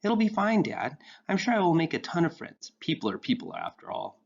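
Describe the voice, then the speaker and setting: An eager, earnest teenage boy with a high, bright voice, as a man puts him on. He sounds a touch gravelly underneath, and the storybook recording is dull and lo-fi. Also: wildly swooping pitch, fairly quick, full character voice.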